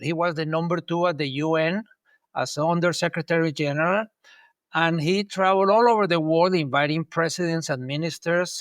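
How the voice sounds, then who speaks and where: Man in his sixties, from Colombia, fairly high pitch, dry recording, rambling interview answers. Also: fairly bright tone, no room sound. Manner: rambling with frequent ums and restarts. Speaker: guest, urban planner.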